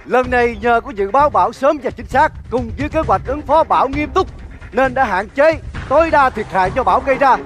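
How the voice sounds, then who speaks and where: An actor playing the Tiger giving a formal, ceremonious report to the Jade Emperor in a TV comedy skit. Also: male voice, extremely high pitch, lively intonation, a little fast, fairly bright tone, faint music behind. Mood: solemn.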